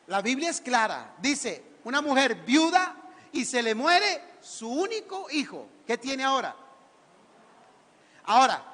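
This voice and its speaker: Preaching a lively, theatrical sermon in church, a man with a Costa Rican accent fires questions at the congregation. His voice is extremely high-pitched and a little bright. Church hall reverb fills the recording.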